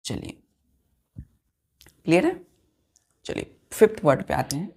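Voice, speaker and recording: A woman's voice: low voice, very animated, unhurried, gravelly, mellow, slightly rough. A woman teaching a vocabulary lesson to students, spelling words out letter by letter and repeating each answer. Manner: asks pupils questions and answers them herself.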